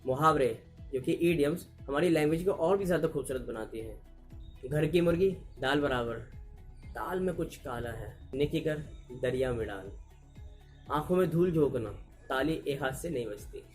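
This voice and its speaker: A man's voice: fairly high pitch, lively intonation, moderate pace, soft background music. A man with an Indian accent, teaching idioms to learners and mixing Hindi with English as he explains. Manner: mixes Hindi and English, repeats and restarts to explain.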